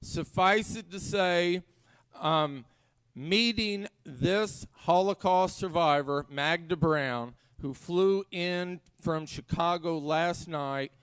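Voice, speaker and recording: A man's voice: fairly high pitch, a bit bright, clean tone, no echo. A man, acting as host, sincerely and respectfully introduces a guest speaker to an audience.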